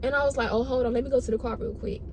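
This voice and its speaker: A woman's voice: high-pitched, fairly even intonation, very fast, a little mellow. A woman chatting casually as a storytime vlogger, dramatic and slangy, repeating phrases for emphasis. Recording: noticeable background noise.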